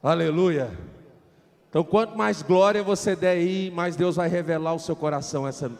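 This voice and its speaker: A man preaching in a Pentecostal church with a Brazilian accent, switching between fervent shouted prayer and chatty asides. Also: on the high side, moderate pace. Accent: Brazilian Portuguese. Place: church hall. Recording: church hall reverb with faint music.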